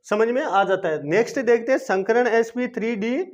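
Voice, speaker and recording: Male teacher with a very high voice, self-answering questions, dull lo-fi recording. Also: normal speed. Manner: asks questions and answers them himself; repetitive, coaxing teaching. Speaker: chemistry teacher. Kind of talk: classroom-style video lesson. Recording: dull lo-fi video lesson recording.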